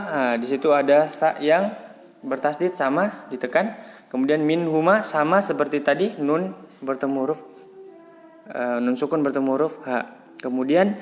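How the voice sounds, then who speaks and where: A man teaching Quran recitation rules patiently, breaking off to chant Arabic words slowly and louder. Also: fairly high pitch, long reverb tail. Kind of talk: tajwid lesson, explaining then chanting words.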